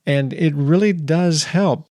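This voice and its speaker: A man hosting a podcast in a conversational style, explaining things in full, measured sentences. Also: on the high side, dark tone, no room sound, clean studio sound. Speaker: podcast host.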